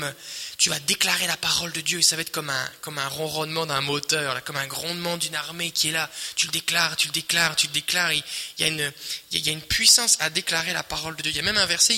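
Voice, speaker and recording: Male pastor, high and very bright voice, emphatic repeating sermon delivery, long hall reverb. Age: adult, married. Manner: emphatic, repetitive preaching with swells and quiet drops.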